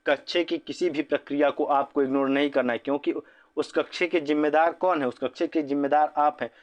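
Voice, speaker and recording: A man's voice: on the high side, fairly even intonation, brisk. A man teaching an exam-prep lesson on language teaching, explaining each answer option and often checking in with "ठीक है". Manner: explanatory, repeats points with "ठीक है".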